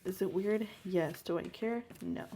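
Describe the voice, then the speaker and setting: A young woman chatting casually while decorating a planner, rambling on and sometimes dropping to a hush. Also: medium pitch, measured pace, noisy background. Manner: chatty, rambling, soft and hushed at times. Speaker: planner vlogger. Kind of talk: casual chat over plan-with-me crafting. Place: home room.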